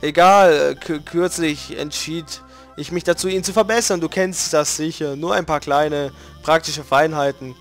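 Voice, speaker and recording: A nervous female lizard scientist from a video game stumbles through her explanations, halting and restarting mid-sentence, read aloud by a man. The voice sits fairly high, with soft game music playing underneath. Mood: nervous, sheepish. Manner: hesitant, full of ums and restarts. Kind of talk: reading game dialogue aloud.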